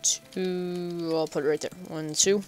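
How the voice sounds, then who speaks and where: A man's voice: high voice, little pitch movement, slow, a little mellow, faint music behind. A man giving casual, chatty let's play commentary, talking to himself playfully and making up goofy nicknames for animals. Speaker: gaming channel host.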